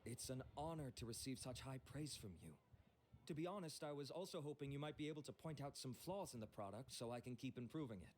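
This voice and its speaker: A man's voice: medium pitch, fast talker, darkish tone, a little hiss or hum, natural voice. An actor playing a suave, courteous skincare maker in a video game, polished and salesman-like, with game music behind. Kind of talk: video game character dialogue. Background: game soundtrack.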